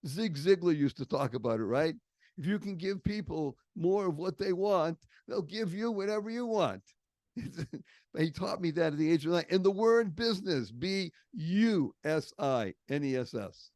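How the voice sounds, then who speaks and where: A man's voice: high-pitched, lively intonation, moderate pace, a little mellow, dry recording. An older man from the Boston area with a Boston accent, a podcast guest telling stories expressively and stressing key words. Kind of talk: storytelling interview.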